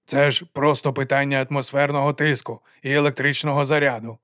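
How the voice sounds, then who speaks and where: A man's voice: medium pitch, little pitch movement, fairly quick, a bit bright, dry recording, clean studio sound, natural voice. A man voicing a curt, demanding male official. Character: cold commanding male auditor in grey.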